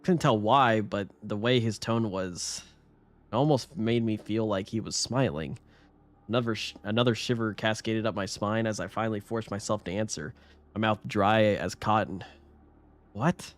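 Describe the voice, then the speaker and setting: A man's voice: lowish voice, moderate pace. A man streaming himself reading a horror story aloud in a casual way, often stumbling and restarting his sentences.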